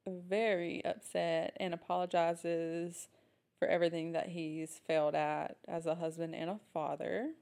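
Woman podcast cohost going thru a tv recap, lowish voice, takes her time. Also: level tone, measured pace, vocal fry, a little mellow. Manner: recaps plot steadily with fillers. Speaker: podcast co-host. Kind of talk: casual recap chat.

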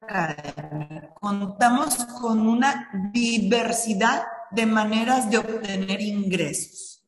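Woman, earnest talk in echoey hall. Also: medium pitch. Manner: earnest, addresses listeners directly. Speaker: speaker on personal finance and habits. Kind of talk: motivational talk. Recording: echoey room with long reverb.

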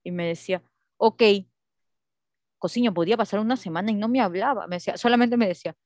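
A woman chatting casually, telling animated stories and acting out the voices of the people in them. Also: medium pitch, fast talker, dry recording, studio quality. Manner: animated storytelling, acts out quotes, laughs often. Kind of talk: casual chat.

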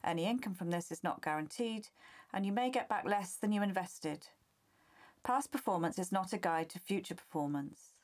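A woman's voice: lowish voice, lively intonation, normal speed. A woman reading a scripted legal disclaimer in a formal, impersonal way.

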